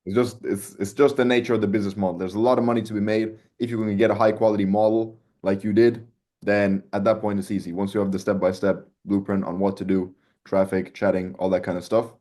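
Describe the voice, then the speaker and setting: A man's voice: fairly low pitch, level tone, fast, dark tone. A man hosting a casual interview, talking in a loose, slangy way and calling his audience boys and lads. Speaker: host.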